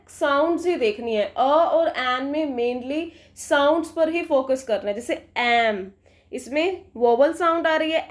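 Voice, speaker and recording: A woman with a high voice gives a grammar lesson, speaking Hindi laced with terms. She stops often to ask whether the point is clear and answers her own questions. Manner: checks understanding with frequent questions. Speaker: English grammar teacher. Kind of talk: classroom explanation.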